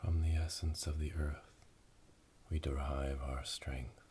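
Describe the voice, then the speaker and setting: Close binaural microphones near the ears pick up a bass-voiced man playing a witch in an ASMR roleplay, solemnly leading a dark initiation rite. His whisper is slow, breathy and monotone like an incantation, the mood hushed and solemn, with background noise clearly audible.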